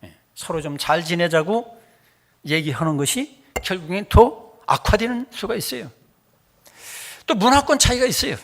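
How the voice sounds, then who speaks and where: A man's voice: sits high, moderate pace. A middle-aged male pastor delivering a sermon, telling humorous stories and acting out quoted dialogue. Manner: animated, humorous storytelling with acted dialect quotes.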